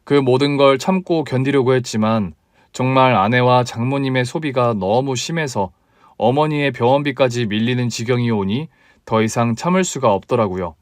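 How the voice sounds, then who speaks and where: A man narrating his own story in a calm, weary, confessional tone. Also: mid-range voice, normal speed, dry recording, clean studio sound.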